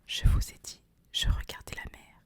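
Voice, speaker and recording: Young woman in a hushed library whisper. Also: moderate pace. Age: young adult. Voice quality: breathy, unvoiced whisper. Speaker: host of a book recommendation video. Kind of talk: whispered ASMR talk about favourite books, with some reading aloud.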